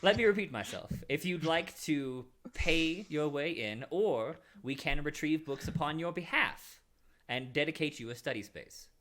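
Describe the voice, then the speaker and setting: A man's voice: on the high side, lively intonation, normal speed, a bit bright, a little hiss or hum, pitched above the performer's own voice. A man voicing a pompous, condescending male librarian who speaks stiffly and formally. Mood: haughty.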